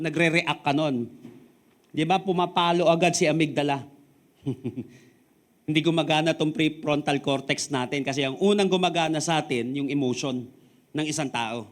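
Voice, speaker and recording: A man with a Filipino accent preaches from the pulpit in a high voice. He moves between Tagalog and English, building to loud, emphatic peaks and then dropping low and quiet to drive a point home. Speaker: pastor. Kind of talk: sermon.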